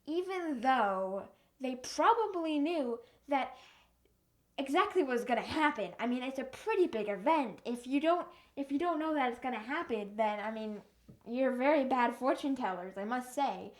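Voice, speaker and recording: A young woman with a slightly high voice rants through a book review. She is exasperated and animated, restarting her sentences as she rambles on. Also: moderate pace. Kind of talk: casual ranting review.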